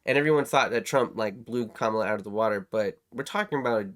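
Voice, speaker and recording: A man's voice: fairly low pitch, fast talker, a bit bright. A man co-hosting a podcast, chatting casually about politics in a rambling, self-mocking way that often trails off. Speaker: podcast co-host.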